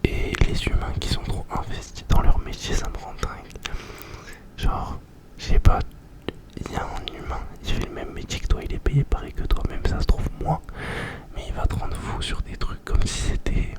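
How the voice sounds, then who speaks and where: A young man doing ASMR, chatting informally in a breathy whisper right in the listener's ear, very close to the microphone. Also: moderate pace. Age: young adult. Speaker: ASMR video host. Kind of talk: ASMR, informal question-and-answer chat.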